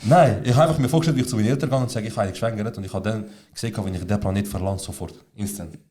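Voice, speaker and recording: A man's voice: on the low side, rapid-fire, dark tone. A young man co-hosting a casual podcast, retelling a story with lots of slang, swearing and quoted dialogue. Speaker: podcast co-host.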